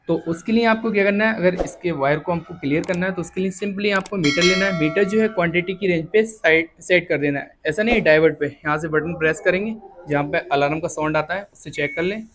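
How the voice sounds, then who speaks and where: A man teaching a step-by-step repair, explaining each check plainly and often pausing to confirm with the viewer. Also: high voice, a bit bright, a little hiss or hum. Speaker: repair instructor. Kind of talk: hands-on repair tutorial.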